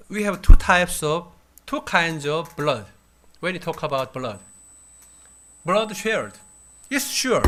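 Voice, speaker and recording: Slow, halting Korean-accented man lecturing. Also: a little high, a little hiss or hum. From South Korea. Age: 50s. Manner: halting, thoughtful, with frequent pauses and fillers. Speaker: university lecturer. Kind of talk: classroom lecture.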